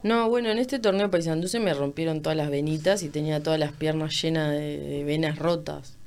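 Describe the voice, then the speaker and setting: A woman with a Uruguayan accent talking in a relaxed guest chat. Her voice sits a little low, and she tells her stories with animated emphasis and laughter. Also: fairly quick, a little hiss or hum. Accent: Uruguayan Spanish. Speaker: guest, astrologer and powerlifter. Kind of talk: casual conversation.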